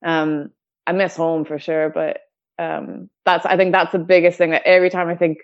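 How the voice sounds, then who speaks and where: A woman from Canada chatting in a relaxed interview, laughing often and using lots of fillers. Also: lowish voice, normal speed, smooth. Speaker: guest. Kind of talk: casual conversation. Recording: dull lo-fi audio.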